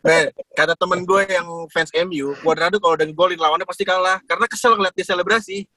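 Bright-voiced man chiming in. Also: high-pitched, fast, no room sound, low-quality recording. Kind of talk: casual podcast chat.

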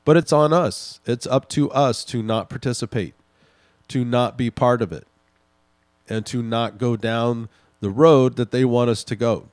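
A man hosting a podcast, reading and commenting on news articles in an emphatic, indignant way, slowing down to stress his points. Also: medium pitch, a little mellow, no room sound, studio quality. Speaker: podcast host.

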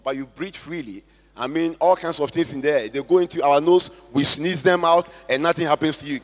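A man with a Ghanaian accent preaching a sermon as a pastor, with slow emphatic stress and loud swells. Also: fairly high pitch. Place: church hall. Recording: long church hall reverb.

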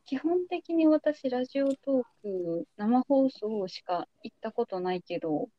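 A woman's voice: fairly high pitch, lively intonation, unhurried, no echo, dull audio. A young adult woman hosting a podcast, chatting casually as she interviews a guest. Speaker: podcast host.

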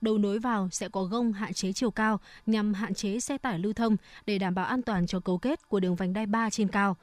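A woman presents scripted radio news. Her delivery is formal and measured, in a medium-pitched voice. The sound is close and dry, with little room in it. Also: steady tone, dry recording.

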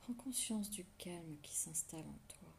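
A woman guides a meditation in an expressive, low, creaky whisper pressed close to the listener's ear. She gives slow, soothing relaxation cues with long pauses, while faint noise runs behind her voice.

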